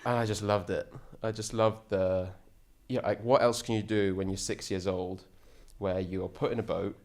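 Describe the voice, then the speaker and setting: A very low-pitched man talks eagerly as an interview guest. He rambles a little, backs up and restarts his thoughts, and keeps an easygoing, conversational tone. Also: flat delivery, normal speed. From England. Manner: enthusiastic, rambling with frequent restarts. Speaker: podcast guest, ocean sailor. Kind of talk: casual interview chat.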